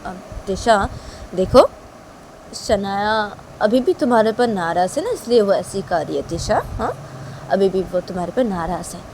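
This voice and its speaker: Woman as a calm, reassuring mother, noisy room. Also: medium pitch, moderate pace, close to an everyday voice. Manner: patient, reassuring. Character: soothing middle-aged mother.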